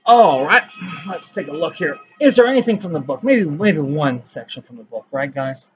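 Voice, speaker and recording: A man's voice: a little high, very animated, a little fast, darkish tone, highs cut off, faint music behind. A man reading his own poems aloud in a casual vlog, with rambling, self-mocking asides between them.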